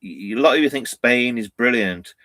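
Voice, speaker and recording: A man's voice: medium pitch, animated, brisk, pushed and bright, no room sound. A man co-hosting a casual live stream about van life, rambling and laughing as he answers viewer questions. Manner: chatty, rambling, laughs often, says "bloody" and "innit". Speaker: van life channel co-host.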